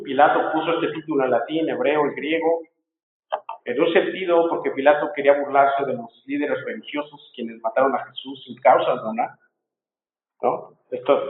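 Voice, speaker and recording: A man preaching a sermon earnestly, pressing his listeners with repeated rhetorical questions. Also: fairly high pitch. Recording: echoey, tinny phone-like sound.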